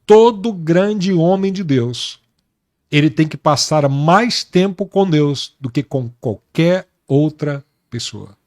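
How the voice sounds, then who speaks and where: A male pastor giving his personal testimony in an interview, speaking earnestly and slowly with emphatic repetition. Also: on the high side, lively intonation, a little mellow. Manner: earnest, slow and emphatic, repeating words for weight.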